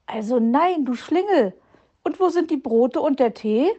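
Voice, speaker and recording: A woman's voice: a little high, expressive, normal speed, warm tone, highs cut off, close to an everyday voice. A woman voicing a caring but strict mother hedgehog who snuffles as she talks, in a storybook reading. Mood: scolding. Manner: snuffles "Nuff Nuff", scolds.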